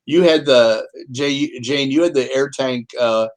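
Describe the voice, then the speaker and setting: A man's voice: mid-range voice, measured pace. A man, an author and guest, telling stories in a casual chat, rambling with repeats and restarts. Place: home, Kansas City.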